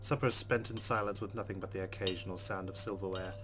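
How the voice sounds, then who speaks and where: Reading through a visual novel, a man voices its narration and tosses in wry, amused comments as a let's play gamer. His voice is deep and steady, and he moves at a quick clip.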